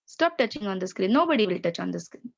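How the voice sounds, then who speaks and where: A woman teacher with an Indian accent, giving an online science lesson, explaining slowly and repeating key terms. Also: medium pitch, sing-song, creaky, lo-fi sound. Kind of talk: online class lecture.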